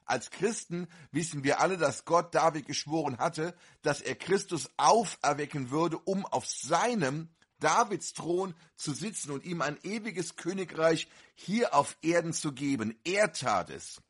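A male preacher delivers a fervent sermon, his voice husky and pitched a little high, with a bright, forceful edge. He swings from measured reading into sudden loud exclamations. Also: expressive.

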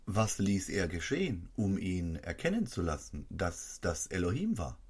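A man preaching a sermon in a low, husky voice. His pitch swings widely, leaping up in bursts of emphasis before dropping back down. The delivery is fervent and insistent. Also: very animated, a little slow. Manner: emphatic, with sudden rises in pitch and loudness.

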